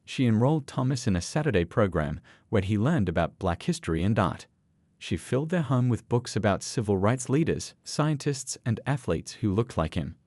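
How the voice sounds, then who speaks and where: A man narrating a scripted story in a measured, expressive way. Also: lowish voice, no echo.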